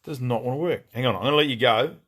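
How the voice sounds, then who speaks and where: A rambling, chatty Australian man hosts a live stream from his shop. He greets viewers by name and talks through new stock in a casual, joking way. His voice sits at an ordinary middle pitch. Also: quick pace, fairly bright tone, husky. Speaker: gun shop owner hosting a live stream.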